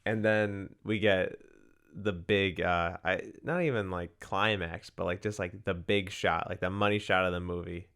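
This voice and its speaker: Young guy w a low smooth voice, rambly movie podcast chat, says like a lot. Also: steady tone, unhurried. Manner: rambling, many likes, acts out quotes loudly. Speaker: podcast co-host. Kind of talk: casual movie review chat.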